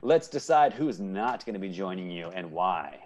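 An animated man with a low-sitting, darkish voice speaks at normal speed. He's an improv teacher in his thirties, hosting a playful game show by video call from his home, staying upbeat and often repeating answers back.

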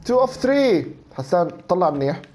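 Male streamer, thirties, Levantine accent, high and very animated, exclaiming game commentary. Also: moderate pace, a little hiss or hum. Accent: Levantine Arabic. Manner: animated, exclaiming, talking to himself. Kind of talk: excited let's play commentary, switching between Arabic and English.

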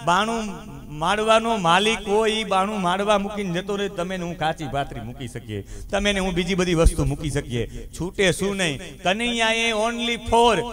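A man's voice: high-pitched, animated, normal speed, hardly any pauses, fairly bright tone. A man preaching to an outdoor gathering, impassioned and full of rhetorical questions. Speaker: religious speaker. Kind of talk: sermon to a crowd. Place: open ground gathering.

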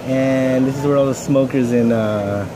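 A man's voice: medium pitch, fairly even intonation, moderate pace. A man co-hosting a casual show at an outdoor racetrack terrace, bantering loosely and swearing. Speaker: podcast co-host. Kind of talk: casual chat. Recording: outdoor noise in background.

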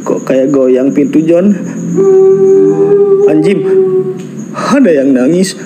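A man's voice: medium pitch, unhurried, loud music behind the voice. A man exploring a haunted spot on camera, nervous, muttering prayers under his breath and cursing when startled. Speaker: ghost-hunting vlogger. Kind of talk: hushed night exploration vlog. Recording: noisy ambience behind. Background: ambient noise.

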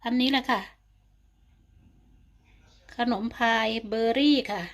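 A woman's voice: on the high side, slow pace. An older woman, narrating a home cooking vlog and chatting to viewers like friends. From Thailand. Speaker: vlogger. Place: home kitchen.

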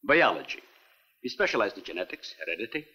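A man's voice: fairly low pitch, very animated, quick pace, pushed and bright, husky, heavily acted. An actor playing a middle-aged male scientist who talks politely and lectures earnestly, in 1950s film style. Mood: courteous. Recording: long hall reverb, 1950s film soundtrack.

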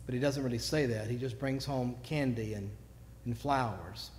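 A man preaching a sermon, telling stories and moving between quiet asides and sudden loud bursts. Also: mid-range voice, normal speed, slight background noise. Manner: storytelling, swings from quiet to shouting. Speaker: pastor. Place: church sanctuary. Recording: long church reverb.

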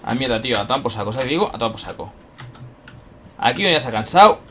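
A young man from Spain with a Spanish accent, commenting on his own gameplay and talking to himself, excitable and swearing often. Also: mid-range voice, fast talker, a little hiss or hum. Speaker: gaming YouTuber.

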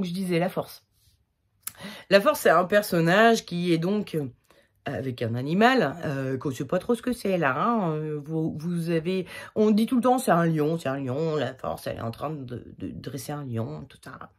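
A tarot reader from France gives a casual weekly reading, chatty and rambling with many fillers. Her low, expressive voice has a breathy edge and a slightly irritated throat, and she speaks at a moderate pace. She's jokey, laughing at her own slips.

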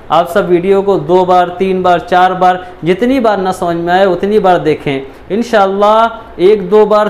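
High-voiced patient male Quran teacher. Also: a little mellow. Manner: patient, repeats syllables slowly, frequent "theek hai". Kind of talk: step-by-step recitation lesson.

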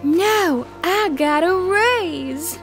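A woman voicing a cartoon creature that fakes being human like a stiff robot, naming its own feelings out loud. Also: very high voice, lively intonation, extremely slow, soft background music, heavily acted. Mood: flat cheer. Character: odd creature clumsily faking being human. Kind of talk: cartoon voice acting.

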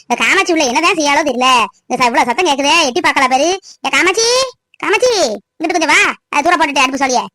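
A woman's voice: high voice, lively intonation, quick pace, bright, forceful tone, dry recording, clean studio sound, pitched below the performer's own voice. A woman voicing a bossy old village grandmother. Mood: scolding. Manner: scolding, domineering.

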